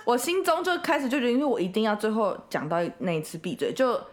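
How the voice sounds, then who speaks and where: A woman's voice: a little high, fast talker. A young woman, co-hosting a casual chat and telling a funny story with quoted voices. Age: young adult. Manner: animated storytelling with frequent laughter and quoted voices.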